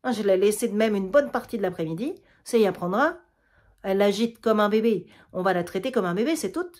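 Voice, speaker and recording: A woman's voice: mid-range voice, lively intonation, brisk, a little mellow, natural voice. A woman doing a harried Quebec housewife. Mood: complaining. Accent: Quebec French. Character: harried middle-aged housewife caring for her mother-in-law.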